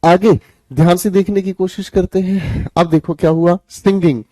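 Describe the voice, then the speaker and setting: Male teacher, slightly high voice, jokey and coaxing, live class. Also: steady tone, moderate pace, mellow, dry recording. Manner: coaxing, repeats questions and answers them himself; jokey, scolds students playfully. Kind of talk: live online grammar class.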